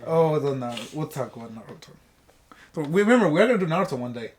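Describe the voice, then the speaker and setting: A man's voice: a little high, big pitch swings, quick pace, slight background noise. A young man hosting a casual commentary track, talking in loose, rambling sentences full of restarts. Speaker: commentary host. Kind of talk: casual chat.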